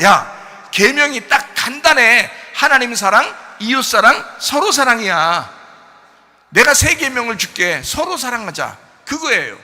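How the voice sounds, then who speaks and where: A male pastor preaches in a church sanctuary, and his high, very bright voice carries a long hall reverb. He talks to the congregation in a conversational way, full of rhetorical questions, and swings from hushed lines to loud ones. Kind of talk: sermon.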